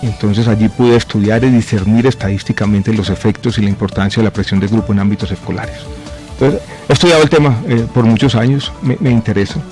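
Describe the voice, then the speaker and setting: A man in his forties, a government minister, answering radio interview questions in a measured, reflective way with many pauses and fillers. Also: fairly low pitch, steady tone, darkish tone, soft background music. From born in Chile, raised in Colombia. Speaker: guest, health minister.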